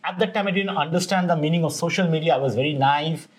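A man's voice: on the high side, fast. A man with an Indian accent talking casually as an interview guest, recounting his experiences and slipping between English and Hindi. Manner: switches between English and Hindi mid-sentence. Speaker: interview guest, food blogger. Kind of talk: casual conversational storytelling in an interview.

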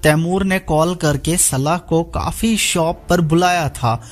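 A man reading a scripted audio story as narrator, in a steady storytelling way. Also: a little high, slow. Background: soft background music.

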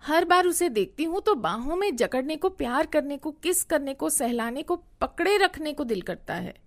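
Woman doing a clingy mom, higher voice, pleading, insistent. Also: expressive, normal speed. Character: doting, clingy young mother.

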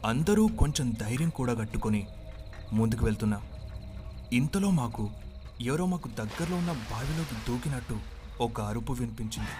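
A man tells a first-person horror story at an even, middle pitch and voices each line of dialogue with drama. Soft music plays underneath. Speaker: podcast storyteller.

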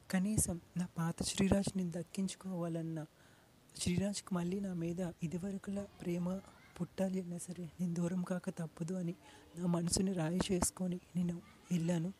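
A woman's voice: on the low side, warm tone, a little hiss or hum. A young woman telling her own personal story in an earnest, heartfelt, confessional way, slipping English words into her speech.

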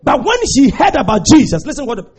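A pastor preaching a sermon, urging and repeating himself, breaking into shouts. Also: male voice, very high voice, big pitch swings, quick pace, husky. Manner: exhortative preaching, repeating phrases, bursts of shouting.

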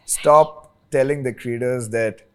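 A man's voice: mid-range voice, fairly even intonation, takes it slowly. A man with an Indian accent speaking conversationally as an expert interview guest, emphatic and repeating his points with checking tags. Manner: emphatic, repeats phrases, often tags "right?".

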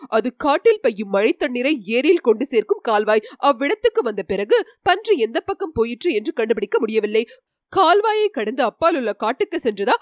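A woman reading a story aloud as an audiobook narrator, with even, clear storytelling. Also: fairly high pitch, dry recording, clean studio sound.

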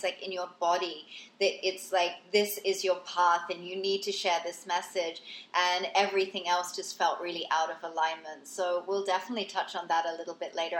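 Encouraging woman host in an echoey room. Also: medium pitch. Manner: affirming, encouraging. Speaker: interview host. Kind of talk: conversational interviewing. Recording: roomy, echoing sound.

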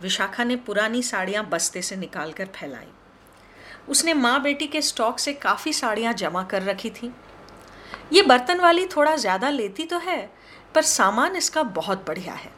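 Woman storyteller, higher voice. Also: animated, normal speed, a bit bright, a little hiss or hum. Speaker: narrator. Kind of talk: storytelling reading.

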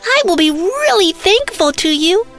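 A woman's voice: very high voice, very animated, a little slow, fairly bright tone, soft background music, pitched above the performer's own voice, exaggerated voice. A woman voicing a small, polite, hardworking ant in a children's cartoon story. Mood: polite, pleading. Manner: polite, earnest.

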